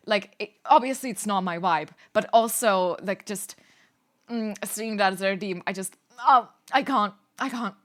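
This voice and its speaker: Laughing, rambling woman streamer. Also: mid-range voice. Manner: rambling, laughs often, swears, cringing. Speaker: VTuber streamer. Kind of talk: casual live-stream chat.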